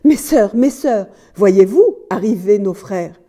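A frightened young wife, voiced by a woman reading a tale, her replies hushed and breathy with fear. Her voice is mellow and soft, rising to desperate pleading, as in a storybook reading. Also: mid-range voice, moderate pace, lightly acted. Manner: hushed, near-whispered replies.

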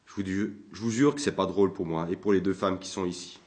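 A man's voice: low voice, steady tone, fast talker, a little mellow, lightly acted. A man voicing a timid, worried village barber who complains anxiously, in a storybook reading.

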